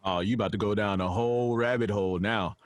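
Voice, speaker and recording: A man, guesting on a radio interview, his voice dry and close with no room around it. He talks loud and drawn out, stretching his words the way old on-air introductions did. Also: fairly low pitch, fairly even intonation, fast, no echo. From Memphis, Tennessee. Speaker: interview guest, recording artist.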